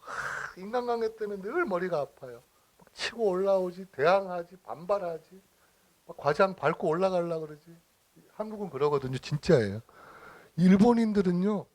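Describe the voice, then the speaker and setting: A man's voice: on the high side, dry recording. Chatty middle-aged man telling lecture anecdotes. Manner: chatty storytelling, acting out dialogue, frequent laughter. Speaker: lecturer and church minister.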